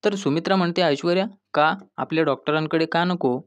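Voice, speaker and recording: Male recap narrator, voice on the high side, dry close sound, retelling scenes and reading out dialogue. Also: brisk, dry recording. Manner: retells scenes, reading characters' lines in quotes; addresses listeners as friends. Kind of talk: scripted episode recap narration.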